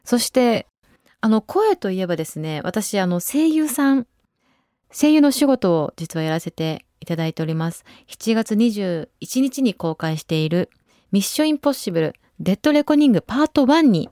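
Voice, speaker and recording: A woman in her twenties hosting a radio show, chatting casually and relaxed, with frequent soft asides. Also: medium pitch, moderate pace, dry recording, clean studio sound. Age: 20s. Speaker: radio host. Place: radio studio. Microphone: studio microphone.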